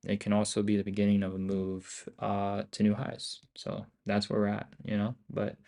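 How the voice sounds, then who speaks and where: Low-voiced, sweary finance-bro man. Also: monotone, moderate pace, creaky, dark tone. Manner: addresses listeners as bro, dude and man. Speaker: day trader hosting a live stream. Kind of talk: casual live trading commentary.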